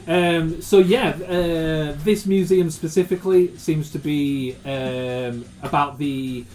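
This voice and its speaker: A man's voice: on the high side, steady tone, takes it slowly, a little mellow. A man narrating as game master for a tabletop game, wandering through descriptions and often searching for words.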